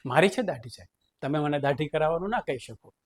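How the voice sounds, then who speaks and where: Man doing a stubborn, argumentative teacher, lecturing, slightly high voice. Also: lively intonation, fast. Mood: defiant. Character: stubborn bearded male teacher, defiant and argumentative.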